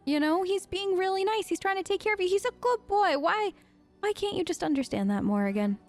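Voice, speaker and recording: In a brisk, very high-pitched voice that's animated and a little mellow, a woman plays a video game in character. Her role-play commentary is casual, conversational, playful and chatty.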